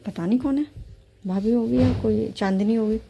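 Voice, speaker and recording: A woman's voice: a little high, normal speed, gravelly, dark tone, slight background noise. A young woman vlogging from her home kitchen, chatting casually to the camera about her day and her little son while she does her housework. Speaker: vlogger and mother. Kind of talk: casual daily vlog chat.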